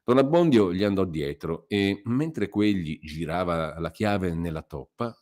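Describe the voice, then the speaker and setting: A man with a very low, deep voice reading a classic novel aloud for radio. His storytelling is measured and expressive, with a scripted narrator's steady delivery. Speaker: reader.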